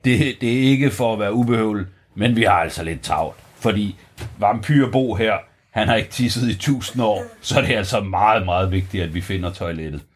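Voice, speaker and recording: A man's voice: on the low side, lightly acted. A man voicing a cheeky, teasing teddy bear in a children's story, mock-scared and practical. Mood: polite hurry.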